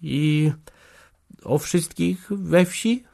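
A man's voice: a little high, extremely slow, gravelly, a little mellow, pitched above the performer's own voice, full character voice. A man reading aloud who voices a fearful, strong-willed young peasant woman in a raised voice. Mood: anxious pleading. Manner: fearful, pleading. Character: anxious, determined peasant woman, young adult.

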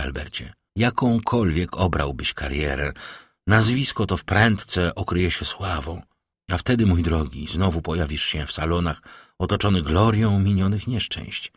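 A grieving noble mother speaks with quiet, earnest resolve, as a male narrator reads her part. The voice sits very low and dry, close to the mic. She is heard in an audiobook. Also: husky, dry recording, exaggerated voice.

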